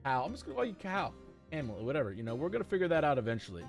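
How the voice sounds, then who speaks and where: A man's voice: on the high side, sing-song, rapid-fire, vocal fry, faint music behind. A man running a tabletop game as dungeon master, narrating in a loose, rambling way full of fillers.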